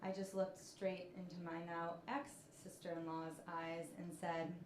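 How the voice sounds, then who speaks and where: Slow deadpan woman doing stand-up. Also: fairly low pitch, very noisy. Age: 30s. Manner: deadpan storytelling with punchlines. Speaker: stand-up comedian. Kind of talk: stand-up comedy set. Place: comedy club stage with laughing audience. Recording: echoey club room.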